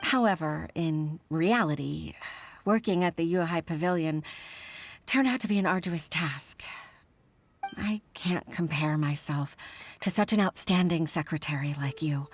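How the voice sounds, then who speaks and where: An actress gives heartfelt game voice acting as a humble, middle-aged secretary and mother, modest and a little hesitant, with soft laughs. Her voice is low and unhurried, and game soundtrack music plays behind her.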